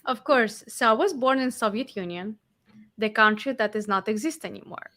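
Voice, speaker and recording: A woman's voice: on the high side, moderate pace. Russian-accented woman telling her story. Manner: animated, with fillers and restarts. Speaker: podcast host, interviewee. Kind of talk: casual interview.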